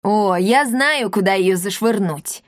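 A woman voicing a cheeky, quick-witted orphan boy in a storybook reading. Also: medium pitch, no echo, studio quality, close to an everyday voice.

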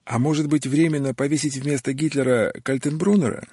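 A man's voice: a little high, steady tone, a little fast, a little mellow, breathy edge, no echo, pitched above the performer's own voice. A man voicing a cautious, hesitant male colonel who defers to his boss. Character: timid fawning male colonel, unsure of himself.

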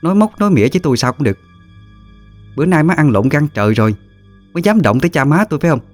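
A man voicing a proud, defiant pregnant young daughter-in-law, sweet-tongued then sharp-tongued. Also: mid-range voice, normal speed, no room sound, soft background music, pitched above the performer's own voice, natural voice. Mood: furious. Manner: pleading sweetly at first, later sharp and cutting.

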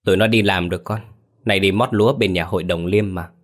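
A man's voice: fairly even intonation, fast. An older village mother, anxious and doting, calls out to her son in a raised, tearful voice, as a man puts her on. Her worry colours every line of this spoken tale. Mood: gentle worried. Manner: tearful crying out, raised pitch.

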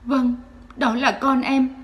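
A woman's voice: flat delivery, takes it slowly. A woman doing a sobbing young mother begging. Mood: meek. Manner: tearful, pleading, high and strained. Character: desperate young mother begging for her child.

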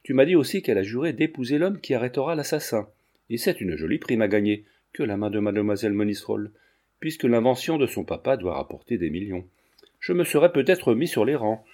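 A chatty young man-about-town talks in a glib, teasing flow, voiced by a male narrator. His voice is mellow and easy. He tends to run on and never quite takes things seriously. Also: medium pitch, lightly acted.

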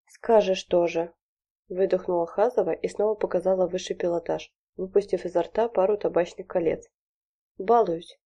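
A woman narrating a novel aloud in a steady, even storytelling manner. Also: on the low side, a little fast, few pauses, dull audio. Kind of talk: audiobook narration.

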